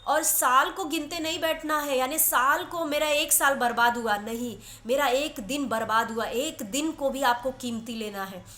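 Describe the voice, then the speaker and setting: A woman's voice: sits high, sharp tone, echoey room. A woman preaching a sermon in earnest, exhorting tones, often breaking in with hallelujahs.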